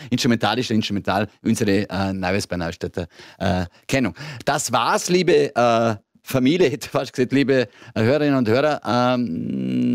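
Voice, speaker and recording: A friendly man hosts a late-night radio show from the studio. He talks chattily, with plenty of fillers and restarts. His voice sits at a middle pitch and sounds dry and close to the microphone. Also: gravelly, no room sound. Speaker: radio host.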